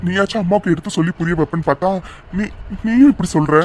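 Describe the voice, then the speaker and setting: A man as a brisk, fond cartoon father, a bit high-voiced. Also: over music, natural voice. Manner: fast, fond, coaxing talk. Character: doting, reassuring father, a man. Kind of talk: cartoon dubbing.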